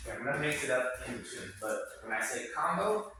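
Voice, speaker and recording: A man's voice: medium pitch, very animated, quick pace, far from the mic. A man working as a boxing coach, casually explaining drills and calling out moves with punchy sound words. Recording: very echoey, noisy room, off the mic.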